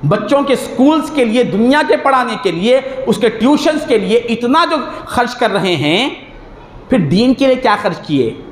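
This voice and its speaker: A man's voice: extremely high pitch, lively intonation, moderate pace. A male preacher, delivering a religious sermon full of rhetorical questions, recorded in a mosque hall. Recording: echoey hall with faint noise.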